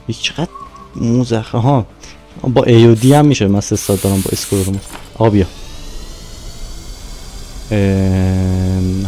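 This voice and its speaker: A young man talks casually to himself as he plays, cheerful and joking. His voice is dark and mellow. Faint game music runs quietly underneath. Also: on the low side, poor audio. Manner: playful, talks to himself while playing. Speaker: gaming YouTuber.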